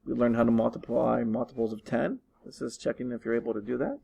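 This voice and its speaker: A man's voice: mid-range voice, steady tone, fast talker, creaky, mellow, breathy edge, low-quality recording. A man teaching his students from his living room, walking them through test questions patiently and repeating instructions. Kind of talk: recorded online lesson walkthrough.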